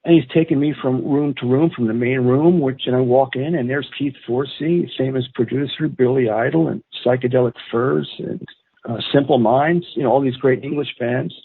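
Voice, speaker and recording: A middle-aged guest from Atlantic City spins rambling stories for a podcast interview, lively and acting out everyone's quotes. His creaky, medium-pitched voice moves at a moderate pace, heard through a tinny phone line with a bit of hiss or hum.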